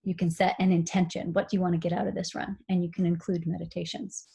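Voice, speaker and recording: A woman giving a recorded seminar on mindful running, explaining calmly with frequent fillers. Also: on the low side, fast, creaky, a little hiss or hum. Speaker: running instructor.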